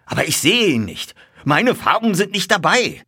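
A man voicing an agitated older colonel who owns racehorses, speaking loudly and excitably in a raised voice. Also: medium pitch, fairly quick, breathy edge, no echo, clean studio sound, pitched above the performer's own voice, exaggerated voice. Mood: indignant. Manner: loud, excitable, indignant. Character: agitated older male horse-owning colonel.

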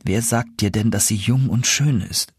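Man voicing a young caliph-stork, earnest and urgent, husky voice, dry sound. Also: on the low side, normal speed, dry recording. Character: young caliph turned stork, anxious and impatient.

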